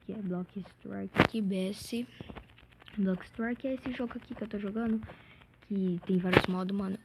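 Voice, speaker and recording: A drowsy, slightly hoarse voice with a Brazilian accent, female-sounding, speaking in a hushed way in a casual late-night update to gaming viewers. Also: medium pitch. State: very sleepy. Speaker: video creator. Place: in bed in a dark bedroom at night. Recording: dull lo-fi audio, loud noise, clicks.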